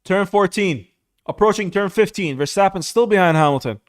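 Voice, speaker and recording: A young man streaming live, giving casual, excitable commentary on a motor race and saying "bro" a lot. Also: high-pitched, moderate pace.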